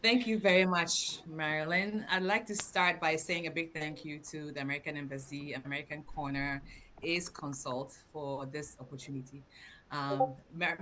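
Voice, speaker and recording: A Ghanaian woman in her forties speaks as a guest presenter over a video call, lively and laughing often between fillers. Her voice is deep, with slight background noise.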